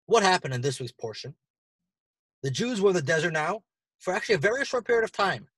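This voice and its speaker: A man co-hosting a podcast, retelling a scripture story in a casual, animated way and acting out the quoted lines. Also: fast, breathy edge, no room sound. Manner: animated, acts out quoted lines with big jumps in pitch. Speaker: podcast co-host explaining the weekly Torah portion.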